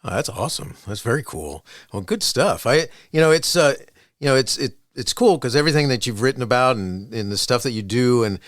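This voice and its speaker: A man's voice: medium pitch, animated, brisk, a bit bright, no room sound, clean studio sound. A man hosting an education podcast interview, reading a guest introduction and chatting loosely with many restarts. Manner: chatty, repeats words and restarts. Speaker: podcast host.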